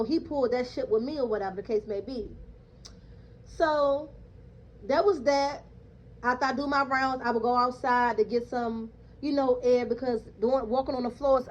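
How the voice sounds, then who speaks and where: Blunt, high-voiced woman telling a story. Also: muffled recording. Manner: candid and blunt, swears freely, repeats "okay?" often. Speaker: vlogger. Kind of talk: casual storytelling monologue.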